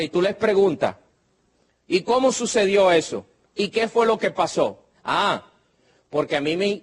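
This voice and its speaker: Guy preaching, kinda high husky voice, slow and emphatic then shouting, tells stories acting out people. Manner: swings from slow emphatic declarations to shouted proclamations; conversational storytelling, acting out other people's words. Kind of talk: sermon.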